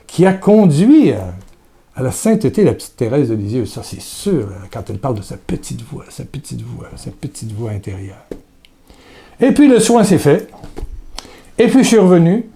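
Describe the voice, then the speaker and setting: Mellow-voiced man giving a hesitant devotional talk. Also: mid-range voice. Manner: hesitant, repeats words, speaks intimately to the listener.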